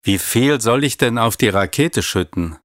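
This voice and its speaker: A man voicing a young girl with a dry, calm way of speaking. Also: mid-range voice, moderate pace, no room sound, natural voice. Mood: curious.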